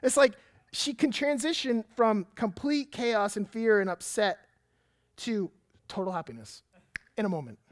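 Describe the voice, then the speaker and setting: Man, pastor, 30s, sermon, animated storytelling, emphatic, dry close recording. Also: high voice, unhurried, no echo.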